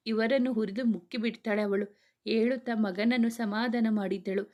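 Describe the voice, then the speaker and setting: A woman's voice: mid-range voice, a little mellow. Woman reading a romantic story aloud. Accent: Kannada. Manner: reads all dialogue in her own plain voice. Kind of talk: scripted story narration.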